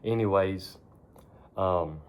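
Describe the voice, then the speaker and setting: A man's voice: low voice, slow, darkish tone, clear, resonant tone. A man chatting casually to his phone in a barn, rambling in a laid-back, folksy way with casual cursing. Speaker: vlogger. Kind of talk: casual rambling chat to camera.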